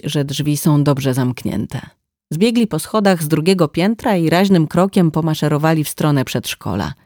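Calm woman reading a novel aloud. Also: deep voice, no room sound, studio quality. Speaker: narrator. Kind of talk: scripted audiobook narration.

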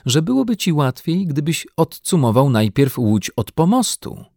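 A man voicing an anxious, gentle mother in an audiobook reading, soft and fussing. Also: on the high side, very animated, normal speed, vocal fry, no echo, studio quality, voice pushed up, exaggerated voice. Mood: worried. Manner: worried, soft-spoken, fussing. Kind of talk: audiobook character voice.

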